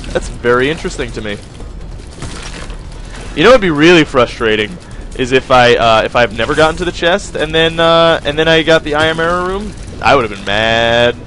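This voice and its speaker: Slightly high and fairly bright, his voice moves a little fast with lively intonation, over slight background noise. The young host rambles through casual game commentary, joking, self-deprecating and speaking to his audience as faint game music runs underneath.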